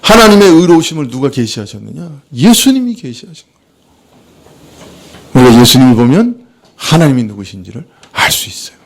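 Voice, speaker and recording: A man's voice: mid-range voice, sing-song, fairly quick. A man preaching a sermon as pastor, asking rhetorical questions and answering them himself, acting out quoted speech. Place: church.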